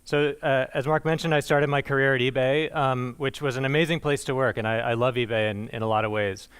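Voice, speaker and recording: A man's voice: mid-range voice, fairly even intonation, fairly quick, fairly bright tone, smooth. A man giving a conversational conference presentation, with frequent fillers and restarts and a dry, self-deprecating humor. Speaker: conference speaker.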